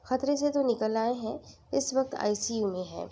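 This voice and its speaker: A woman's voice: on the high side, warm tone, a little hiss or hum, pitched above the performer's own voice, natural voice. A woman voicing an anxious young man who pleads with a trembling voice. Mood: pleading.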